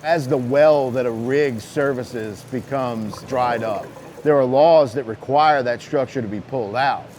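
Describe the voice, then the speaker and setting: A man's voice: medium pitch, slight background noise. A man speaking in an explanatory way in a documentary interview.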